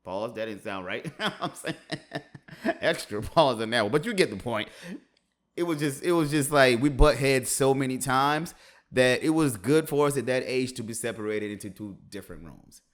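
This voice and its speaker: A man chats through a reaction video in a loose, conversational way. His voice sits mid-range for a man but moves a lot, rising when he gets excited. He laughs easily between his thoughts. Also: mid-range voice, moderate pace. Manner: animated, laughing, chatty. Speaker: reaction host. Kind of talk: casual reaction commentary.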